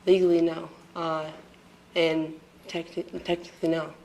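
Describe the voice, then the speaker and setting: A woman testifying as a witness in a courtroom, hesitant and apologetic, speaking haltingly with many pauses and a voice she says is fading. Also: low voice, flat delivery, vocal fry, darkish tone, a little hiss or hum, rough recording. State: losing her voice.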